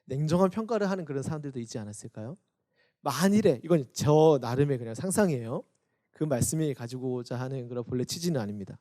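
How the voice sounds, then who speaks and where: A man, a youth pastor, preaching a Sunday sermon for an online service; he acts out quoted voices, rising loud and then dropping soft. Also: medium pitch, animated, fast.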